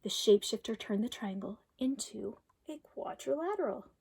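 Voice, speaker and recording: A woman reading a children's storybook aloud expressively, with deliberate, emphatic phrasing, like a teacher for pupils. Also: on the high side, animated, creaky, darkish tone, husky.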